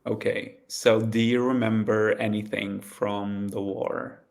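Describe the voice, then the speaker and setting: Man, low gravelly voice, unhurried podcast interviewer. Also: little pitch movement. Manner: brief questions and soft back-channel murmurs. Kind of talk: casual interview.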